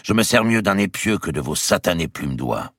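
A man voicing a boisterous, jovial giant of a nobleman in an audiobook, with a booming, exclamatory delivery. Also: big pitch swings, normal speed, a bit bright, breathy edge, no echo, clean studio sound, full character voice. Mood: gruff. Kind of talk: audiobook character reading.

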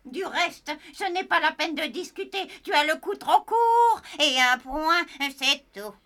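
A woman's voice: high-pitched, animated, unhurried, a bit bright. A woman voicing a proud, disdainful long-necked female animal in a storybook audio tale. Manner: haughty, disdainful.

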